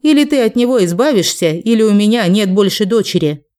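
A woman voicing a cruel, haughty middle-aged mother who shouts, hisses and sneers. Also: medium pitch, animated, brisk, lightly acted. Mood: furious.

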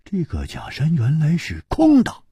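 A male storyteller narrating a martial arts tale in a lively, dramatic way. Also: a little high, unhurried, breathy edge, dry recording.

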